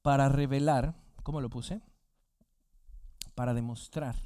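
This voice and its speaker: Smooth-voiced male pastor preaching. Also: medium pitch, fairly even intonation, measured pace, mellow, dry recording, studio quality. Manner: rhetorical questions to the congregation. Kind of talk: sermon.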